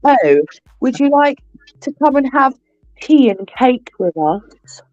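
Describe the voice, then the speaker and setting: A woman's voice: on the high side, moderate pace, gravelly, dark tone, dry recording, muffled recording, soft background music. A woman voicing a prim, overly polite posh British lady with an exaggerated plummy tone.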